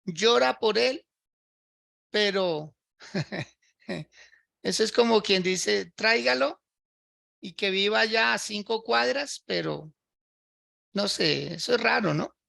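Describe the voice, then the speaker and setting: A man's voice: high-pitched, creaky, pushed and bright, dry recording, clean studio sound. A man preaching a sermon as a pastor on a livestream. He works through a scripture passage, repeats phrases, and keeps checking in with listeners by asking "right?" and "yes?".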